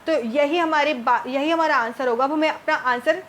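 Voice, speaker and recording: A woman's voice: high-pitched, a bit bright, slight background noise. A woman teacher, explaining multiple-choice exam questions and asking her students rhetorical questions as she goes. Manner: reads English options slowly, then explains in Hindi with rhetorical questions. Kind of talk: exam-prep lesson walking through multiple-choice questions.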